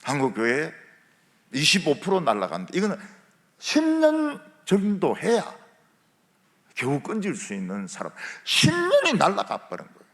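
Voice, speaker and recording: Male revival preacher, wildly expressive delivery, long church hall reverb. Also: fairly high pitch, moderate pace. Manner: lively preaching with rhetorical questions and humor. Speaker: pastor. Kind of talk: revival sermon. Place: large church sanctuary.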